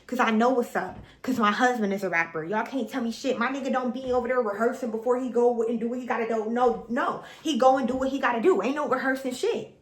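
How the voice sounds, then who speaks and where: A woman's voice: a little high, quick pace. A young woman vents about a reality TV show. She is blunt and profane, and she repeats her complaints in exasperation. Her voice carries a noticeable echo from the room. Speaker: reality TV reaction vlogger. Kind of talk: casual ranting commentary.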